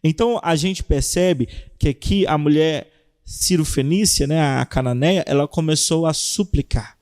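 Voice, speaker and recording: A young man with a Brazilian Portuguese accent preaching a youth sermon, animated, acting out cries and prayers as he teaches. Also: on the high side, a little slow, smooth.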